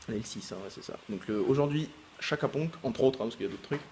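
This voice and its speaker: A man's voice: mid-range voice, fast talker, a little mellow, slight background noise. A man who makes gaming videos, chatting casually to his viewers in a rambling, hesitant way full of fillers and restarts. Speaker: gaming YouTuber. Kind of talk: casual vlog chat.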